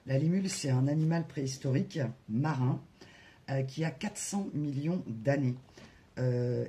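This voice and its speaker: A French-speaking card reader giving a spiritual guidance reading, talking slowly with many hesitations and asides to spirit guides. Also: mid-range voice, warm tone. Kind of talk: tarot-style guidance reading to camera.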